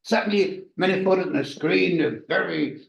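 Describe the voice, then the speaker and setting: A man with a German accent, a doctor telling anecdotes to an audience in a halting way with dry humor. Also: sits high, gravelly, reverberant, low-quality recording. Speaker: missionary doctor giving a talk. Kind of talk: storytelling talk to an audience.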